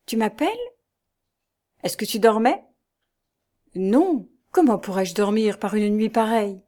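A gentle tearful young noblewoman, read by a woman. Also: mid-range voice, a little slow, close to an everyday voice. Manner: soft, emotional and pleading.

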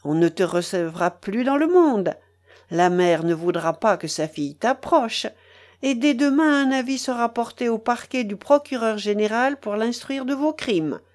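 A woman's voice: a little high, animated, moderate pace, darkish tone, pitched above the performer's own voice, lightly acted. Woman voicing a vengeful sneering pirate. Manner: menacing, sneering, emphatic. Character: vengeful scornful male pirate. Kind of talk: audiobook reading.

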